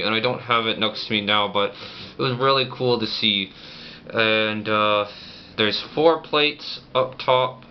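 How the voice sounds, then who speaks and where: Male vlogger, lowish voice, casual chat through a wired-shut-style clenched jaw, noticeable background noise. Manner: talking through a banded-shut jaw, teeth held together. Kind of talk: casual personal vlog chat. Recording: muffled lo-fi audio, clear background noise.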